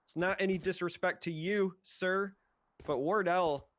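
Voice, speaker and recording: A man's voice: sits high, steady tone, measured pace, fairly bright tone, slight background noise. A man with an American Midwest accent giving play-by-play commentary as an esports caster, lifting his voice on big plays.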